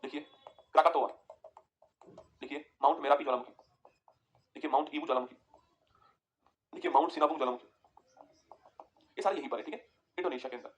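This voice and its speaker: A man teaching a geography lesson over a map, talking quickly and repeating points for students to write down. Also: on the high side, slight background noise. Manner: rapid, repetitive, tells students to write points down.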